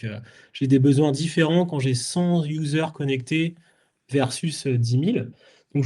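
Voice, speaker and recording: A man's voice: medium pitch, warm tone. A man from France giving a technical conference talk, explaining step by step with frequent fillers and restarts. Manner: explanatory, many fillers and restarts, plays out imagined inner voices. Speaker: conference speaker.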